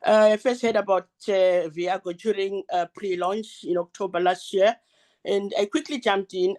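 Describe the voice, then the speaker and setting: A woman speaks over a video call. She is hesitant and pauses on fillers, with a medium-pitched voice. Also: darkish tone. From Zimbabwe. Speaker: nurse sharing a testimonial.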